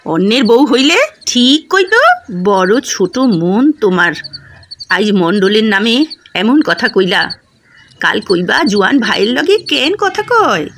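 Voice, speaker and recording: Woman putting on a sharp-tongued village mom-in-law, heated, scolding, slow storybook talk. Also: mid-range voice, a little hiss or hum. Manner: heated, scolding dialect speech.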